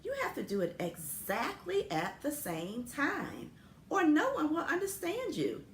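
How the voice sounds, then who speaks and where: A woman's voice: sits high, sing-song, a little slow, a little hiss or hum, voice pushed up. A woman voicing a serious little girl who earnestly instructs other children. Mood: instructive. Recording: echoey room.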